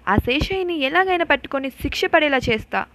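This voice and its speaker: A woman voicing a calm male police officer who questions and reassures a victim in a told story. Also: high voice, fairly quick, pitched above the performer's own voice. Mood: reassuring. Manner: reassuring, firm.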